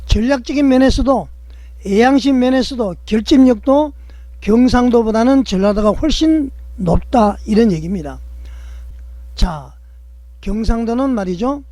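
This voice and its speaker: A man's voice: very high-pitched, lively intonation, normal speed, dark tone, no room sound. A man hosting political commentary in a rhetorical style, putting questions to the audience and leaning on a stretched filler between phrases.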